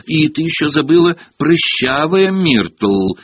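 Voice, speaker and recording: A man's voice: a little high, big pitch swings, slow, a bit bright, husky, no room sound, highs cut off, pitched above the performer's own voice, heavily acted. A man doing a sneering poltergeist. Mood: taunting. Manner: sneering, hissing. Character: spiteful mocking male poltergeist.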